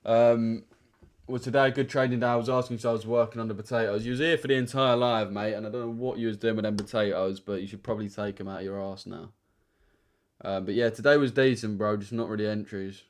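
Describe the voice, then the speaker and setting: Jeune homme à l'accent de l'Essex, bavard, voix un peu grave. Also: male voice, on the low side, steady tone, quick pace. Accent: Essex English. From Essex, England. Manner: slangy, chatty, addresses chat directly. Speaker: trading livestreamer. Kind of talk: casual livestream chat.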